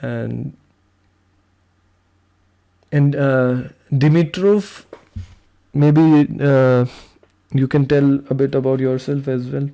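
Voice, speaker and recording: A young man hosting an online robotics meetup, talking casually and relaxed, with frequent "like" and "uh". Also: mid-range voice, drawn-out words, creaky, pauses often. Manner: relaxed, uses "like" and "uh" often. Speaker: meetup host and presenter. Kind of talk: casual online meeting discussion. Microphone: computer mic on a video call.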